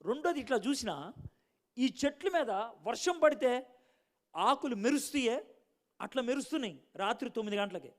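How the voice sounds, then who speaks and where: Male preacher; high, animated voice; dramatic storytelling, from shouting to near-whispers. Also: normal speed, long pauses. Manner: dramatic, acts out dialogue, swings from shouting to hushed. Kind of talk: sermon with personal testimony.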